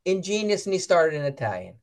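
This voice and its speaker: An American man co-hosting a casual talk show, animated and playful, acting out quotes. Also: high voice, quick pace. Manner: animated, playful, acts out quotes in silly voices. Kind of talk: casual chat.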